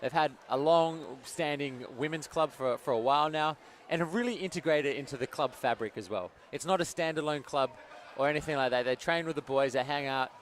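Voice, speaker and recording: At an outdoor sports ground, a man providing sports commentary as co-commentator and league representative talks earnestly and enthusiastically about the players. His voice is a little high and brisk, with a little hiss or hum on the recording.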